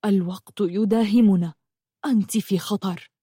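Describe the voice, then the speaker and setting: A woman voicing a grieving father who speaks in a slow, grave and tender way in an audiobook. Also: mid-range voice, fairly even intonation, dark tone, husky, no echo, studio quality, close to an everyday voice. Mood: sorrowful. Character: grieving loving father, gentle and sorrowful. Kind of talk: audiobook storytelling.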